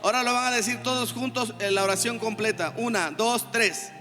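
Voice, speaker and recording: A male pastor with a Mexican Spanish accent preaches in a high, bright, ringing voice that bursts into shouts. He leads the congregation to repeat his words, and his voice carries a long church-hall reverb with music playing underneath. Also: brisk. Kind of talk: sermon.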